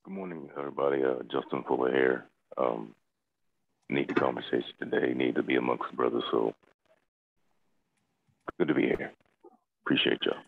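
An American man with a very deep, gravelly voice introducing himself on a muffled video call. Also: little pitch movement, normal speed, long pauses. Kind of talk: meeting introduction. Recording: muffled, phone-like call audio.

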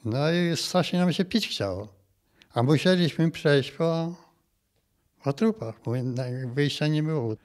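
A man in his eighties from Volhynia, giving his testimony in an interview in a plain, halting way and often ending phrases with a quick tag question. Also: a little high. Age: 80s. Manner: plain halting telling, tags phrases with "nie?". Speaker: interviewee, massacre survivor. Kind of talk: recounted personal testimony.

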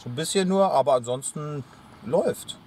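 On a road trip, a man in his thirties vlogs casually, joking to a handheld action camera from inside a car and out on a parking lot. His voice sits on the high side, a little mellow, at normal speed. Car and road noise come through the noisy recording.

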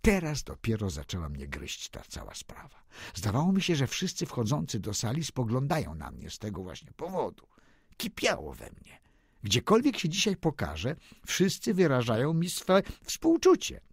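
A man reading a classic novel aloud as an audiobook, narrating in an impassioned, expressive way. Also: medium pitch, moderate pace, vocal fry, slightly rough, no room sound, studio quality. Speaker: audiobook reader. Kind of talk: dramatic literary reading.

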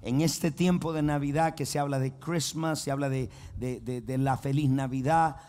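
A man's voice: medium pitch, steady tone, normal speed, darkish tone. A man preaching a sermon as pastor, emphatic and repetitive, often calling on the congregation to repeat phrases and say amen. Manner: emphatic, with frequent restarts and repetition.

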